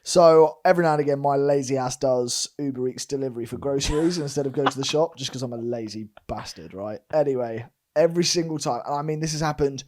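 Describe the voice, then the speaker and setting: A man's voice: medium pitch, fast talker, hardly any pauses, darkish tone. A young man with a British accent, co-hosting a casual podcast chat, telling stories animatedly and laughing often. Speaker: podcast co-host.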